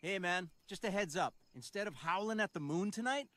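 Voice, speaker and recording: A man's voice: high voice, expressive, brisk, over loud music. A man voicing a smug male cartoon wolf who confides slyly and mocks. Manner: sly, confiding and mocking. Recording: clear noise under the audio.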